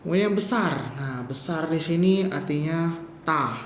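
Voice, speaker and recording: Guy teaching basic mandarin, counts strokes out slow, kinda high voice, echoey room. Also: slight background noise. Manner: counts character strokes aloud slowly, casual asides. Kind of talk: online language lesson.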